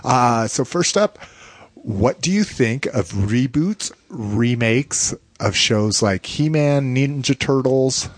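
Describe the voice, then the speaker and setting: A man's voice: mid-range voice, animated, takes it slowly, no room sound. A man hosting a casual podcast, chatty and enthusiastic, with frequent restarts. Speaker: podcast host.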